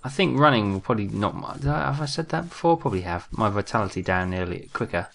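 A young man chats his way through a survival game, joking with viewers as he goes. His voice sits low with a gravelly, crackly edge, yet it stays bright and forceful. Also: lively intonation, fast. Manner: chatty, jokey, talks to viewers while playing. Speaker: gaming let's-play host. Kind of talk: casual gameplay commentary.

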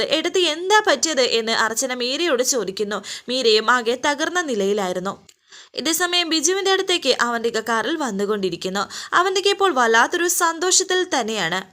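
A woman with a high, bright voice narrates the episode like a story, moving briskly through each scene in present tense. She reads the characters' quoted lines inside her own telling rather than acting them out. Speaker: serial episode recap narrator. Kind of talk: storytelling recap of a TV serial.

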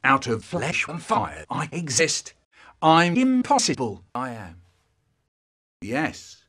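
A man in his sixties delivers a dramatic monologue in a husky voice. He speaks slowly and theatrically, with wide swings of pitch and choppy, pieced-together phrasing. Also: fairly bright tone. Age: 60s. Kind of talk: dramatic monologue, spliced from recorded clips.

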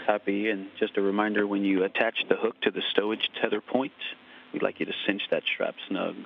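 A narrow, tinny radio link carries a man's fairly low voice with a creaky edge. He calls out procedural steps as a communicator guiding a spacewalk. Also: flat delivery, brisk, slight background noise. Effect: radio transmission.

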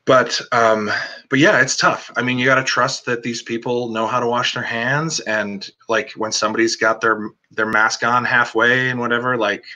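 A man's voice: medium pitch, steady tone, moderate pace, pushed and bright. A man, a cinematographer guest, talking casually on a video call, rambling with lots of "like" and "um.". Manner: rambling, many "like" and "um" fillers.

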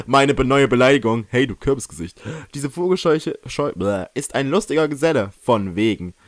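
A man's voice: mid-range voice, expressive, moderate pace, no echo. A young man giving casual, joking commentary while playing a life-simulation game, often teasing the characters. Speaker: let's play host.

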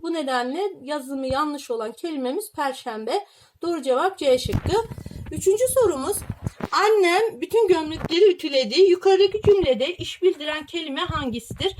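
A woman reading out test questions to young pupils and explaining each answer in a clear, patient way. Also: high voice, animated, normal speed, slight background noise.

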